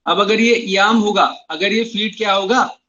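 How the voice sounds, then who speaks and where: With a bright, forceful tone and fairly even intonation, a high-voiced man teaches English literature at a moderate pace in a classroom that's streamed online too. He alternates Hindi and English, spelling terms out letter by letter and repeating each point, and the audio is dull and lo-fi.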